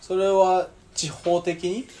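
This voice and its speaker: A man hosting a casual chat podcast, talking lively and laughing often. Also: high voice, slow. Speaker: podcast host.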